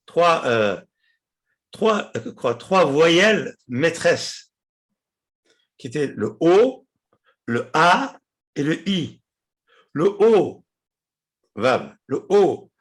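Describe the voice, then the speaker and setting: A man teaching a class, explaining patiently, repeating words and pausing often with hesitations. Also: a little high. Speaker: Hebrew teacher.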